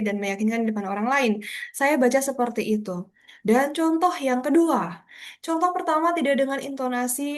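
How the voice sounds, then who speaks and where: A woman with a high voice runs a beginners' public speaking class. She speaks to the room in an encouraging way, warmly addressing them as ladies and gentlemen. She reads example sentences and tongue twisters aloud to show the technique. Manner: encouraging, addresses audience as Bapak Ibu and kakak-kakak. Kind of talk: workshop lecture.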